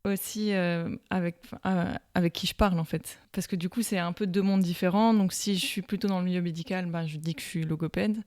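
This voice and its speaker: A woman from Alsace answers interview questions in a fairly low voice. She talks casually, with frequent pauses, fillers and restarts. The sound is dry and close. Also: fairly even intonation, darkish tone, no echo. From Alsace, France. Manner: hesitant, many fillers and restarts. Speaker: guest, violist and speech therapist.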